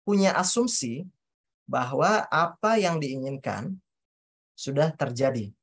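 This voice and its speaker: Low-voiced woman giving a workshop. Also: animated, slow pace, slightly rough. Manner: addresses the audience directly, acts out example questions; hesitant restarts while explaining. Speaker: speaker at a coaching talk. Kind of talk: presenting a workshop on self-questioning. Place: talk venue before an audience.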